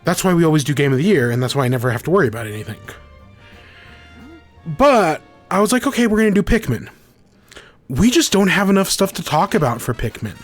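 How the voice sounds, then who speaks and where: With soft background music behind him, a young man talks in a fairly high, sing-song voice at a quick pace. He hosts a gaming podcast as a casual livestream chat, rambling and self-correcting. He's congested from a cold and his throat sounds scratchy.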